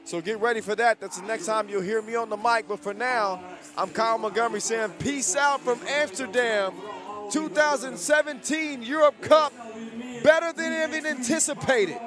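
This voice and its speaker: A man hosting live sports coverage, with informal hype and drawn-out phrases. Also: sits high. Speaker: event commentator and host. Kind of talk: live sports commentary and sign-off. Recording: music and crowd behind live mic. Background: music and crowd.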